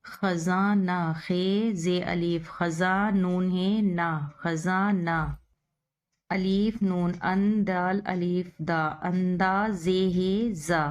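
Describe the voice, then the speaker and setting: A woman's voice: fairly low pitch, fairly even intonation, drawn-out words. A woman teaching Urdu, spelling words out letter by letter and repeating each one. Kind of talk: slow spelling-out lesson.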